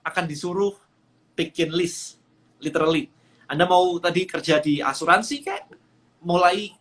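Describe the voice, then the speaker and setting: Higher-voiced man explaining business steps. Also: fairly bright tone. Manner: explanatory, mixes English phrases. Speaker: business coach. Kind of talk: Instagram livestream talk. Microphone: phone.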